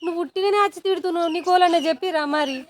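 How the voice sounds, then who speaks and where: A woman's voice: very high-pitched, fairly even intonation, rapid-fire. A woman, protesting and pleading defensively in a scripted village prank skit. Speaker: daughter-in-law in a prank skit.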